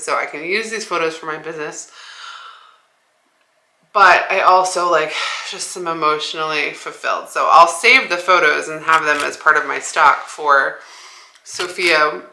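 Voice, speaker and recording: A woman's voice: low-pitched, pushed and bright, echoey room, slight background noise. A young woman talking casually to her camera in a vlog, rambling with many "like" fillers. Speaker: vlogger. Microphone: small 360 camera.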